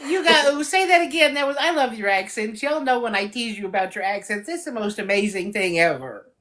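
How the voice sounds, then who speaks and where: A woman's voice: fairly high pitch, expressive, brisk, fairly bright tone. A woman hosting a live stream, chatting casually and teasing her guests with frequent laughter. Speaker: live stream host interviewing fans. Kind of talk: casual chat.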